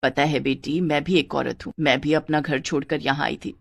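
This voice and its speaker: A woman voicing a gentle middle-aged mother in a cartoon story, who calms and reassures her daughter. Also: low-pitched, moderate pace, vocal fry, no echo, voice pushed down. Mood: soothing.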